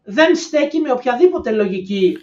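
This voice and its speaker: Woman co-host, knowing and speculative, higher voice, roomy, off-mic and muffled. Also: animated. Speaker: podcast co-host. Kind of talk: casual analytical chat. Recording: distant, echoey, dull-sounding mic.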